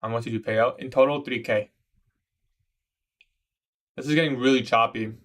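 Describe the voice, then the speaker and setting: A twenty-one-year-old Iraqi man hosts a live trading stream, talking through his trades and answering chat casually with plenty of slang, calling viewers "bro." His voice is medium-pitched and a bit bright, with a steady tone at normal speed.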